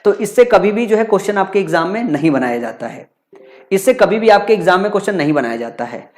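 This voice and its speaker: This exam-prep grammar teacher talks fast, with a high-pitched, animated, slightly mellow voice. Addressing students as "bachcha," he fires off rhetorical questions, answers them on his own, and circles back to each idea repeatedly.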